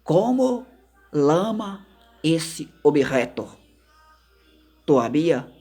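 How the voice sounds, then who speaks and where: A man teaches everyday words at a slow, deliberate pace, repeating each point. His voice is a little husky, and faint music plays behind him. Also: medium pitch, a little mellow. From Argentina. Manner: slow, repetitive, mixes Spanish into Portuguese. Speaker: language teacher. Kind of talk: casual vocabulary lesson to camera.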